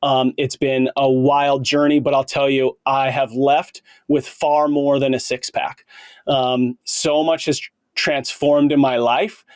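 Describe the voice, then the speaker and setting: Speaking at a measured pace, this man in his late thirties hosts a casual podcast interview, earnest and informal with lots of bro slang. His medium-pitched voice is smooth but flat in delivery, recorded with no echo.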